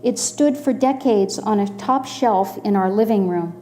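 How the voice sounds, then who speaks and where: Slow, dark-voiced storytelling woman in her sixties. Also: mid-range voice, slight background noise. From Los Angeles area, USA. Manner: slow, measured, dryly humorous telling. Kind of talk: personal storytelling performance.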